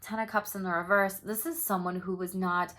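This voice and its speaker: A woman's voice: mid-range voice, fairly even intonation, fairly quick, a bit bright. A young adult woman giving a casual tarot reading to camera, chatty and upbeat, swearing easily and laughing often. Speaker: tarot reader.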